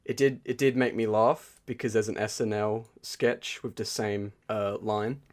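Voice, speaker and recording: Male co-host, low-pitched, earnest and relaxed, swears in passing. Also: measured pace. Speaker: podcast co-host. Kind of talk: casual chat.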